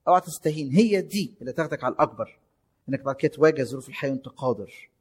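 A man's voice: medium pitch, lively intonation, racing, husky. A man preaching a sermon in an Egyptian Arabic accent, exhorting listeners with rhetorical questions and shifting emphasis.

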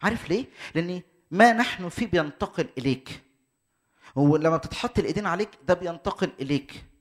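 Man, Egyptian accent, preacher, teaching sermon, rapid delivery, somewhat high voice. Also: lively intonation. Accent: Egyptian Arabic. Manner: explains step by step, restates points to be precise.

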